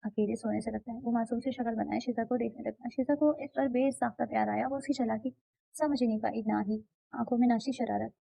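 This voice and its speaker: A woman narrating a romance novel aloud with steady storytelling. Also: fairly high pitch, a little fast, gravelly, dry recording. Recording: dull, slightly muffled dry recording.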